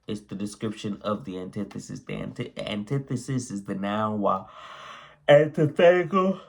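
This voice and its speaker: A man's voice: fairly low pitch, fairly even intonation, brisk, creaky, fairly bright tone, breathy edge. A man with the hiccups giving a laid-back, rambling spoken vocabulary lesson. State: has the hiccups. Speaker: vocabulary teacher.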